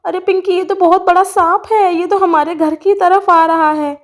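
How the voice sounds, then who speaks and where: A woman's voice: very high voice, steady tone, normal speed, voice pushed up. A woman voicing a little girl doll who urges her friend and calls for help, in a doll story. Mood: anxious.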